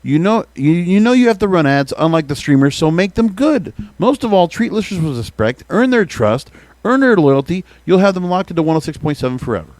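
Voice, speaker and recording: Animated American man, higher-pitched voice. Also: a little fast, no echo. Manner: emphatic, rhetorical questions. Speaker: podcast host. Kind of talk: opinionated music radio commentary.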